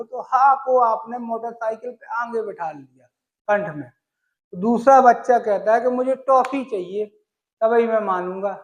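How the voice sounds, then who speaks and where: A man's voice: very high voice, roomy sound, rough recording. A male Sanskrit teacher from gives an exam-prep lesson, using homely examples and asking and answering his own questions.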